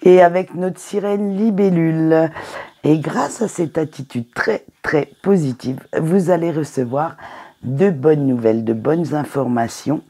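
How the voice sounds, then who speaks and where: A woman giving a weekly oracle card reading to her viewers, talking in a gentle, encouraging way with hesitant fillers. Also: sits low, unhurried, husky. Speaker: tarot card reader.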